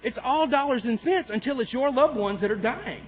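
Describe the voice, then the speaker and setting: Fired-up guy ranting at city council, kinda high voice, tinny sound, big echoey hall w/ hum. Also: animated, normal speed. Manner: heated, sarcastic, driving home points with repeated questions. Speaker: city worker speaking at public comment. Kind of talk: impassioned public comment speech.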